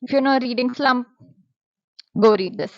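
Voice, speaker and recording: Chatty woman, bright-toned. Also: a little high, moderate pace, dry recording. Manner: chatty, expressive, drops in Hindi words. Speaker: booktuber. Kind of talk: casual book review vlog. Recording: dry, slightly muffled.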